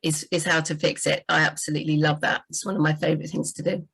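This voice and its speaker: Chatty woman with a lowish voice. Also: little pitch movement, quick pace, gravelly, a bit bright, husky, low-quality recording. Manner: chatty, frequent "you know" and restarts. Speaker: book editor and writing coach. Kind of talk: casual livestream chat.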